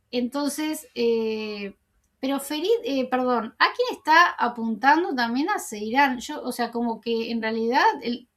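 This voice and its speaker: A woman with a high, light voice talks through a series scene by scene in an easygoing way. She wanders, corrects herself, and leans on fillers. When she quotes a character she slows down and softens. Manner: rambling, many fillers and self-corrections. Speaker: TV series commentator. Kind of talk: casual scene-by-scene recap.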